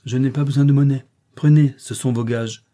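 A man reading an audiobook, voicing a brusque, teasing wealthy gentleman employer. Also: medium pitch, steady tone, moderate pace, close to an everyday voice.

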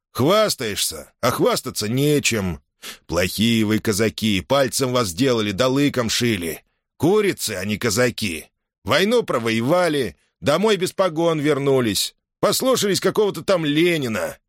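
A man voicing a drunk, bald older Cossack who scolds and shouts at his guests. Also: medium pitch, big pitch swings, unhurried, no echo, clean studio sound, voice pushed up. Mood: scornful.

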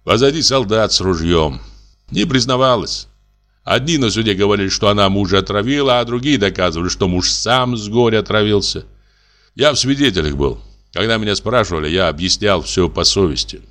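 A man narrating a classic story for an audiobook, expressive and shifting his voice for the quoted characters. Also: fairly low pitch, fairly quick, faint music behind. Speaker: audiobook reader.

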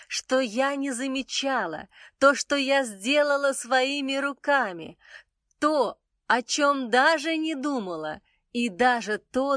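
A sleek, half-feline goddess of beauty speaks in a high, airy voice, put on by a male reader, unhurried and mysterious. Her tone stays cool and appraising, as if she knows more than she tells. The recording is dry and close. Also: pushed and bright, no echo, exaggerated voice. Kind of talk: audiobook character voice.

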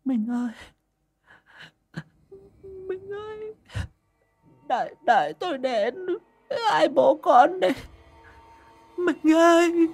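A man's voice: very high voice, animated, slow, gravelly, long pauses, faint music behind, pitched above the performer's own voice, exaggerated voice. A man voicing a grief-stricken older village widow who calls out in a quavering, lamenting voice. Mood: grieving. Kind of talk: horror storytelling.

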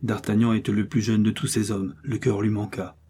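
Male audiobook narrator, dramatic and measured, mellow and husky. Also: fairly low pitch, little pitch movement. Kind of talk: scripted narration.

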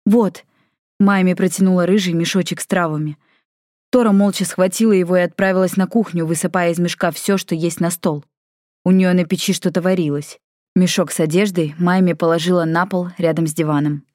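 Woman narrator, lowish voice, dry close sound, measured storytelling. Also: steady tone, a little mellow, no echo. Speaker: audiobook reader. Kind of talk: scripted narration.

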